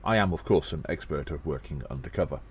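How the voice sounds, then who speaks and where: In a musing, wry mood, a man plays a gnome secret agent for an audio drama, his voice strikingly low and a little mellow. He narrates theatrically and self-importantly, cheeky and deliberate, over noticeable background noise.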